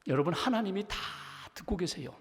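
A man's voice: high voice, expressive, brisk. A male pastor preaching a sermon in a church, speaking emphatically and asking the congregation rhetorical questions. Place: church sanctuary. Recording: long church reverb.

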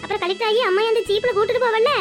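A woman's voice: extremely high pitch, fairly even intonation, rapid-fire, faint music behind. A woman voicing a weary, devoted village mother of three in a cartoon, with a southern Tamil accent from Tirunelveli, scolding and coaxing her children. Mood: soothing. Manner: scolding then tenderly coaxing, dialect endearments. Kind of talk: cartoon voice acting.

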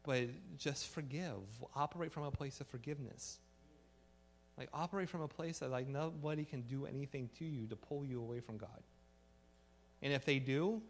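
Man, pastor, casual sermon, middle pitch, lots of "like", acted-out dialogue. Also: a little hiss or hum. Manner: conversational, acts out little dialogues, fillers like "like"; earnest prayer to close.

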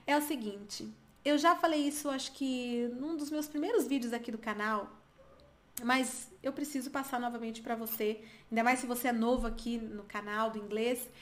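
A woman in her thirties with a Brazilian Portuguese accent, teaching English pronunciation in a lively, chatty way and talking straight to her viewers. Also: fairly high pitch, moderate pace. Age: 30s. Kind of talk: online pronunciation lesson.

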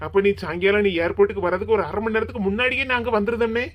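In an animated cartoon, a performer plays a good-natured young male office worker, teasing and pleading in a Kanyakumari Tamil accent. The voice sits in the mid-range, with rapid-fire delivery and light acting.

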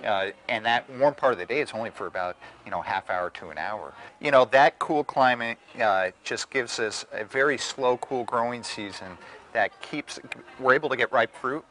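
A winery owner being interviewed, speaking in a relaxed and proud way with frequent fillers. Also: male voice, mid-range voice, normal speed, rough recording. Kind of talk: casual interview. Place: outdoors at a winery.

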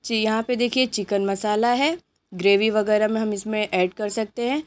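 A woman's voice: medium pitch, fairly even intonation. A woman hosting her cooking channel, chatting unhurriedly through a grocery haul while filming at home on a handheld phone. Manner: chatty, unhurried listing of items. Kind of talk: grocery haul show-and-tell. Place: indoors at home, items on a patterned rug.

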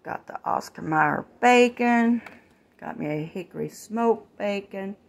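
In a laid-back, homely kitchen video shot on her phone, an older woman vlogger goes through her groceries and talks to viewers as y'all. Her voice is medium in pitch and gravelly, and she takes her time.

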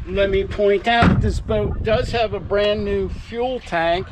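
Slow, high-voiced man touring a boat. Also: heavy background noise. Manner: upbeat salesman pitch, pointing out features. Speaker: yacht broker giving a boat tour. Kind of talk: walkthrough tour narration. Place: outdoors on a boat at a marina.

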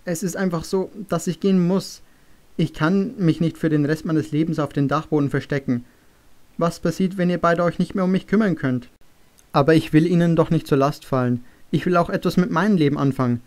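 A man reading an audiobook, voicing a boy who quietly explains a hard decision. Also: a little high, fairly quick, close to an everyday voice. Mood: quiet, earnest. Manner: quiet, subdued. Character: quiet, earnest young boy.

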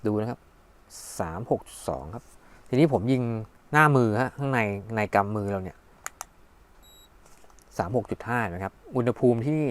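A man's voice: medium pitch, expressive, normal speed, long pauses. A man casually demonstrating a thermometer at home, thinking aloud and narrating each button press as he goes. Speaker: product reviewer. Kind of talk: casual hands-on product demo. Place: at home indoors. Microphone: phone camera.

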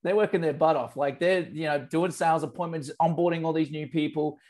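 A man's voice: on the high side, steady tone, fairly quick, darkish tone. A man in his thirties hosting a marketing interview over a video call, talking with enthusiasm and casual slang. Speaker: marketing agency host. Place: office with branded backdrop. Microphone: earphone headset.

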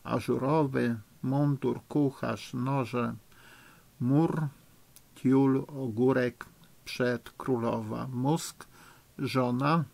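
A middle-aged man teaching children in a recorded lesson, slow, patient and encouraging, spelling out rules. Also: mid-range voice, fairly even intonation, vocal fry, darkish tone. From Poland. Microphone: recording for a lesson video.

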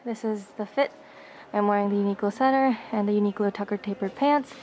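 A young woman with a medium-pitched, steady voice chats a little fast in an upbeat casual vlog full of fillers. She's filmed close up on a handheld camera in a shopping mall and her home living room, with background noise.

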